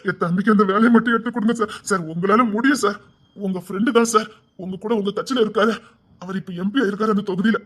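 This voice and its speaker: A man's voice: sits high, fairly even intonation, fast, a bit bright. A man voicing a desperate elder brother, a former bodyguard, who begs over and over with emotion, in a Tirunelveli Tamil accent. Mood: pleading. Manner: begging, repetitive, emotional.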